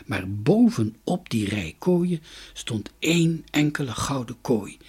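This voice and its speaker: A man reading a children's storybook aloud, expressive and with shifting loudness. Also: mid-range voice, slow, husky. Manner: expressive, varying loudness and pace.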